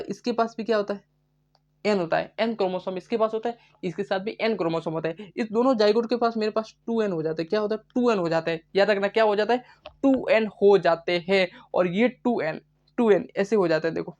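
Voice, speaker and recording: Man drilling terms in a lecture. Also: sits high. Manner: repeats questions and answers them himself, drilling terms; chatty, addresses students as bhai. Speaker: biology teacher. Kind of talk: live online lecture.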